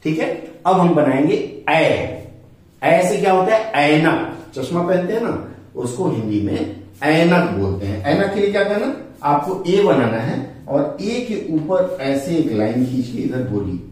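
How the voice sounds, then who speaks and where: Man, patient teacher, slow and lively, very echoey room, distant mic. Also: fairly high pitch. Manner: patient, repeats and asks the learner questions. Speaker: Hindi teacher. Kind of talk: step-by-step script lesson at a board.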